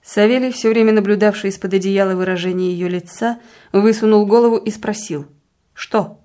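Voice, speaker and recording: A woman reads a classic story aloud at an even, measured pace. Her voice sits at a middling pitch. Her narration stays calm throughout. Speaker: audiobook reader. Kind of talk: literary narration.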